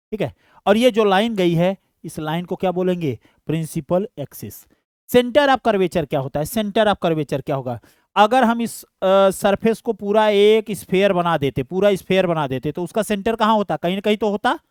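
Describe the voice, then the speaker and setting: A man's voice: high voice, a little mellow, clear, resonant tone, no echo, studio quality. A man teaching an online science lesson. He explains step by step, fondly calls his students "beta", and keeps asking whether they understood.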